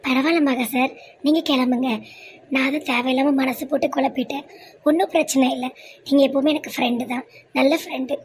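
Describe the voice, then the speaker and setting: A woman with a Tirunelveli Tamil accent voicing a shy, lovestruck young woman doctor in a cartoon, soft and pleading. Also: high-pitched, steady tone, fairly quick, slight background noise, lightly acted. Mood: hurt. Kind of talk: cartoon voice acting.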